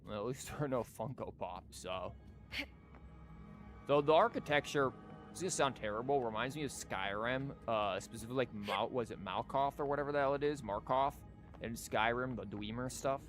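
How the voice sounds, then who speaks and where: A man with a medium-pitched voice talks at a normal speed while streaming a video game, giving casual, joking live commentary full of swearing. Game music plays behind his voice.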